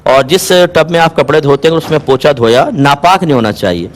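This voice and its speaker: A man answering viewers' religious questions on a call-in show, calm and explanatory, asking listeners to check they follow. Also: a little high. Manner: calm, explanatory, patient advice; asks rhetorical checks, occasionally amused.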